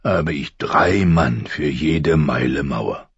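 A man voicing a stern, weary old military commander with a deep, gravelly voice. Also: takes it slowly, no echo, lo-fi sound, exaggerated voice.

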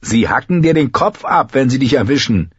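A man voicing a shrill, jittery young male recruit who talks nervously, in an audiobook reading. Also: animated, normal speed, slightly rough, dry recording. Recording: muffled lo-fi, dry.

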